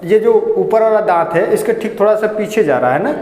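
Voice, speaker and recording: In a classroom lecture recorded in an echoey room with long reverb, a man teaches Hindi grammar step by step, posing questions and answering them himself. His voice sits high with a darkish tone, lively intonation, and a fairly quick pace.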